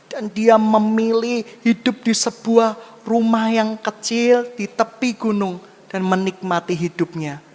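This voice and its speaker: A male pastor preaching a sermon, swinging between loud high exclamations and low hushed asides. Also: big-room sound.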